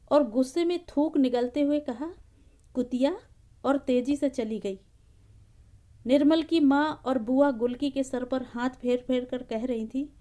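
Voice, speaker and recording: A woman reading a literary short story aloud, measured and expressive. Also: sits high. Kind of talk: storybook narration.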